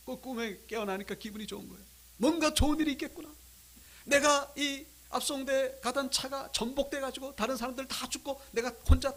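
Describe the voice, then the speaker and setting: A male pastor preaching a Sunday sermon, telling a story dramatically and swinging between loud outbursts and hushed moments. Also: high voice. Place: church sanctuary.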